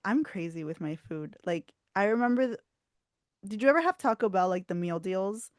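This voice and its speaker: A young woman co-hosting a casual podcast, telling animated stories, swearing freely and laughing often. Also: mid-range voice, normal speed, no room sound, studio quality. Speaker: podcast co-host. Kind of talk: casual chat.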